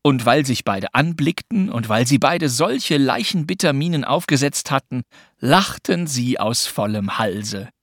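An audiobook narrator reading a children's book with expressive storytelling. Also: medium pitch, unhurried, dry recording. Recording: dry studio.

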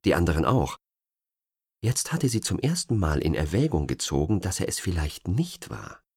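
A man reading an audiobook thriller with expressive, suspenseful narration. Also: low-pitched, normal speed, breathy edge, no room sound, clean studio sound. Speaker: audiobook reader.

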